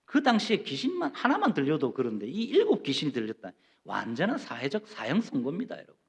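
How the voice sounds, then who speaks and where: Emphatic Korean pastor, lively high voice. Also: male voice, fast talker, creaky. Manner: emphatic, questioning the congregation, acting out quoted voices. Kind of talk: sermon.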